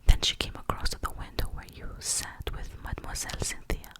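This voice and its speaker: An ASMR reader whispers a detective novel very close to the listener. The voice is fully unvoiced, soft and breathy, often slipping toward inaudible. The narration stays hushed and murmured throughout. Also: fairly quick.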